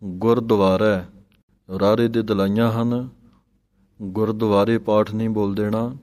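Slow low-voiced man teaching recitation. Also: little pitch movement, darkish tone. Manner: slow chanted reading of verses, then brisk spoken pronunciation notes. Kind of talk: recitation lesson.

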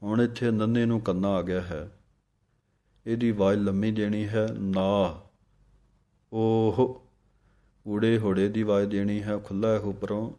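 A man teaching recitation, chanting each line slowly and deliberately, then explaining it. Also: on the low side, flat delivery, mellow. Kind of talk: pronunciation lesson with slow recitation.

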